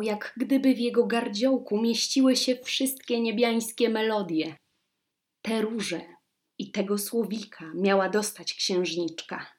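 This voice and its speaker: A woman reading a fairy tale aloud in a slow, expressive storybook manner. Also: medium pitch.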